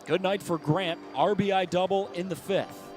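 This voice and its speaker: Over music, a high-pitched American man with a steady tone calls baseball live at normal speed. His play-by-play is clipped and in the present tense, designed to rise on big plays, with ballpark ambience and outdoor stadium noise in the background.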